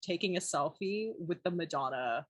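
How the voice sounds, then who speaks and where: This young woman, a podcast co-host in casual conversation, is an animated storyteller who leans on "like" and acts out quotes while retelling a story. She speaks in a lowish, slightly rough voice at a moderate pace, with no room sound.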